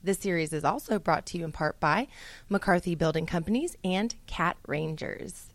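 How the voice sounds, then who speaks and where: A woman's voice: on the low side, moderate pace, no echo. Polished female radio host. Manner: polished, reads sponsor copy smoothly. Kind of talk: radio interview hosting.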